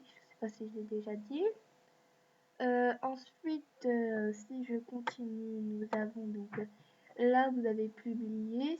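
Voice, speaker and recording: A woman hosting a screen-recorded app walkthrough, talking in a hesitant way with many fillers. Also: a little high. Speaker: video host. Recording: dull lo-fi mic with faint hiss.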